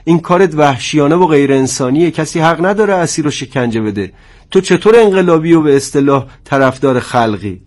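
A man voicing a wounded army captain who protests forcefully and stays defiant. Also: a little high, voice pushed up, lightly acted. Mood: indignant.

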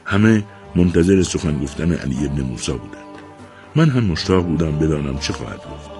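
A man narrating a story in the first person, with steady scripted delivery. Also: a bass voice, faint music behind.

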